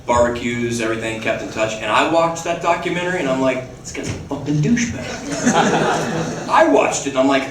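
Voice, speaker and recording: Recorded from far off in an echoey hall with ambience, a faint crowd, and a bit of hiss or hum, a guest actor at a fan Q&A tells casual anecdotes. His mid-range voice moves quickly with hardly any pauses as he swears freely, laughs, and restlessly restarts his sentences.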